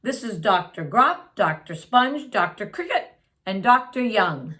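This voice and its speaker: A woman's voice: medium pitch, big pitch swings, bright, forceful tone. A woman voicing an earnest, fussy male family doctor with a ponderous, mumbling manner in a storybook. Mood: pondering. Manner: ponderous, mumbling, listing things deliberately.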